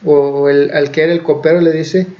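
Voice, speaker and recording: Guy preaching, telling a bible story kinda loose with lots of ums, slightly high voice, muffled lo-fi audio. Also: fairly even intonation, normal speed. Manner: conversational, with fillers and self-corrections. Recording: dull lo-fi recording.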